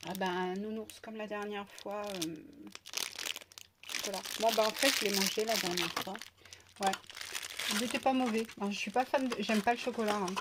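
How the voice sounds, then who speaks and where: A woman's voice: medium pitch, fairly even intonation, normal speed, very noisy. A woman chatting casually through an unboxing at home, with many fillers, sometimes cooing to her pet. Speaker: beauty vlogger.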